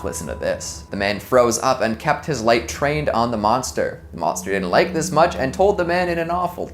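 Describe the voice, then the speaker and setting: A man narrating a scripted countdown of eerie legends, with wry conversational asides. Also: medium pitch. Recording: faint music bed.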